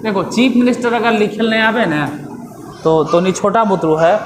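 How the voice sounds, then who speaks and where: A man's voice: high voice, normal speed. A man with a Bihari accent teaching a classroom grammar lesson, coaxing and repetitive, often calling his students to listen. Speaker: English teacher. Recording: echoey room with faint ambient noise.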